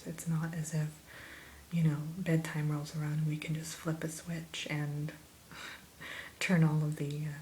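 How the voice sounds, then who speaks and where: A woman in an ASMR role-play as an attentive spa consultant, gently talking a client through questions and advice like a spa receptionist. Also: low voice, completely flat delivery, measured pace, poor audio. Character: soothing, attentive female spa sleep consultant. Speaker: ASMR performer playing a spa sleep consultant. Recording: close soft voice with background hiss.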